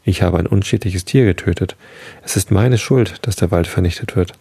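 A man voicing a gloomy, gentle old bull elk in a storybook reading, speaking in a subdued, heavy-hearted way. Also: low-pitched, normal speed, creaky, husky, dry recording, full character voice. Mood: downcast.

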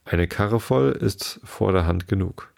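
Bossy rabbit yelling orders, man doing it, low gravelly voice. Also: unhurried, heavily acted. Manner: calling out orders. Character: bossy, fussy male rabbit in charge.

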